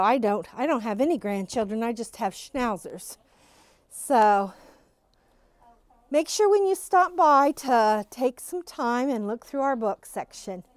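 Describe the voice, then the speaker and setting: Through a face mask, a middle-aged woman enthusiastically gushes about a quilt shop's new stock on a casual tour for the phone camera that follows her. Her bubbly voice is on the high side and darkish in tone, with no echo.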